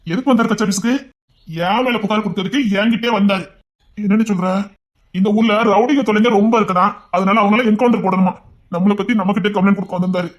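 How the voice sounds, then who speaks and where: A man's voice: high voice, fast talker, lo-fi sound. A man acting a fed-up young man who grumbles in exasperation about his father-in-law, in casual dramatic dialogue. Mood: grumbling. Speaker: actor in a web drama.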